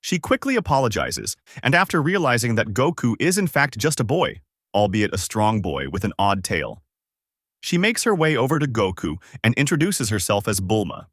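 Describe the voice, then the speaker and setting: A man narrating a fan-made story in a steady storytelling read with lively pitch movement. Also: normal speed, dry recording, clean studio sound.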